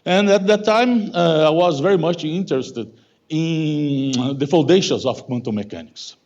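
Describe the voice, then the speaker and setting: In a lecture hall, a guest lecturer from Brazil in his fifties, whose first language is Portuguese and who has a Brazilian Portuguese accent, haltingly delivers an academic talk, correcting himself often and adding "okay?". His voice sits on the high side with a darkish tone, in a muffled recording.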